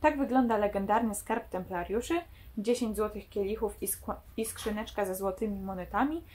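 A woman's voice: medium pitch, fairly even intonation, moderate pace, a little mellow, natural voice. A woman reading the lines of a disappointed young woman who was hunting treasure, from a novel. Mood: disbelieving. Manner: read aloud from a novel, lightly voiced.

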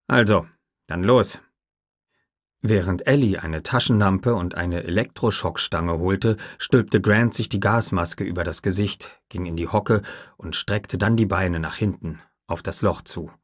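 A man with a very low voice narrates an audiobook in a measured, even manner. The sound is dry and close, with a slightly dull, lo-fi quality. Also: no room sound. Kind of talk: scripted narration.

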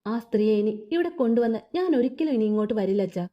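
A woman's voice: on the high side, expressive, fast talker, lo-fi sound, close to an everyday voice. Woman voicing a weeping pregnant young daughter. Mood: tearful. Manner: weeping, pleading.

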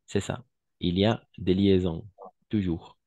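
A man with a lowish voice teaches French at a very unhurried pace. He repeats words with patience and gives frequent praise, and the sound is close and dry. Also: steady tone, warm tone, dry recording. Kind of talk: online class instruction.

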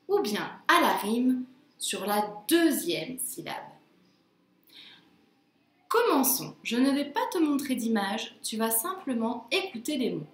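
A woman teaching a phonics lesson to young children, sounding out words slowly and carefully. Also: fairly high pitch, reverberant. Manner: slow, careful, drawn-out word pronunciation.

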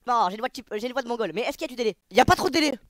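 A man speaks through a chipmunk voice changer that pushes him into a squeaky, cartoonishly high register. He talks fast and repeats himself as he tests his sound. The recording is close and dry, with no room around it. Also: expressive, fairly bright tone, no echo. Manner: quick, repeats himself while testing audio delay. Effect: high-pitched chipmunk voice changer. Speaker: roleplay gamer testing his voice. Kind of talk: casual game roleplay chat.

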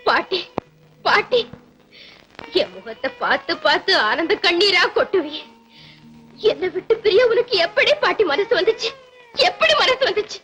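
A woman's voice: extremely high pitch, sing-song, normal speed, long pauses, pushed and bright, full character voice. An actress playing a poor orphaned young woman weeping for her grandmother, crying through desperate pleas, in an old Tamil film melodrama. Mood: grieving. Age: young adult. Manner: sobbing, despairing pleas. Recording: old film soundtrack with faint music.

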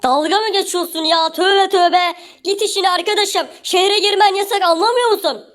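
A woman voicing a rude, suspicious gatekeeper in a Minecraft parody, blunt and quick to threaten. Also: very high voice, steady tone, a bit bright. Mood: hostile.

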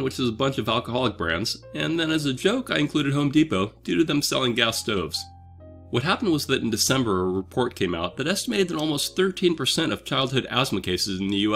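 The host of a dividend investing channel, a man feeling a little under the weather, delivers an upbeat scripted explainer in a conversational, step-by-step style. His voice sits mid-range with a fairly bright tone, and it sounds a bit off from the illness.

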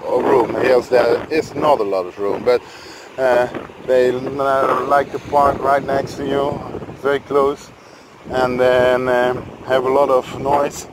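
A man casually vlogging outdoors, talking slowly and halting with fillers, on a camera mic. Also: medium pitch. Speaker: travel vlogger. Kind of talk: casual vlog narration. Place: outdoors by the sea in wind. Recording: loud wind noise on the mic.

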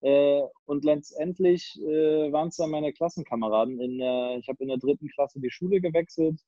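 A young handball player from near Kiel in northern Germany, guesting in an interview, speaks casually over a video call through earbuds, using fillers and restarts as he works through his thoughts. His warm voice sits on the high side, at normal speed. The audio is dry and dull.

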